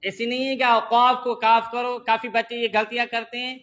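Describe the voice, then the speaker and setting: High-voiced man teaching letter sounds. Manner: demonstrates letters loudly, drawn out, then explains calmly. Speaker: Quran recitation teacher.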